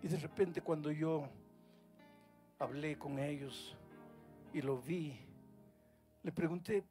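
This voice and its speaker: A pastor tells a story from the pulpit in a somewhat high voice. He builds to loud, rising peaks, then drops to soft, low lines. Gentle music plays faintly behind the man. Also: slow. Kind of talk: storytelling sermon. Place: live university event.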